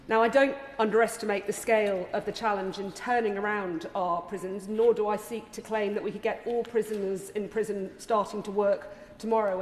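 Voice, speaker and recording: A woman member of parliament delivering a formal speech in a measured, earnest, rhetorical way in a large debating chamber. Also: mid-range voice. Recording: echoey hall, distant reverb, noisy ambience.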